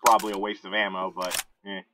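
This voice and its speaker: A man giving casual, excitable commentary while he plays a shooting game, talking to himself into a close mic. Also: sits low, quick pace. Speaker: gamer. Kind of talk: gameplay commentary. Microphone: desk mic held close. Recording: noisy home recording.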